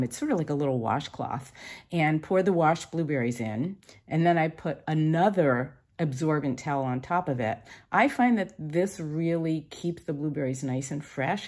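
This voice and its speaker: A woman's voice: deep voice, a little mellow. A woman hosting her own cooking channel, talking casually and upbeat through each step of her meal prep in a home kitchen.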